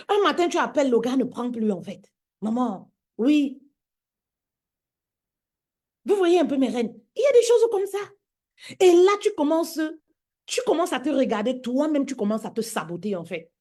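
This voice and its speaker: A woman's voice: high voice, very animated, normal speed, long pauses, darkish tone. A woman preaching emphatically to women, repeating her points and calling them her queens. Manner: emphatic, repetitive, addressing listeners as "my queen". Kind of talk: preaching to women on social media live.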